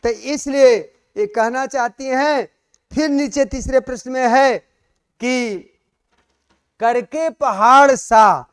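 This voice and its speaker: High-voiced, slow, clear-toned male teacher. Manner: addresses students fondly, asks questions and answers them; reads verse lines slowly and with stress. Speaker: Hindi teacher. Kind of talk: exam-prep lesson explaining poetry.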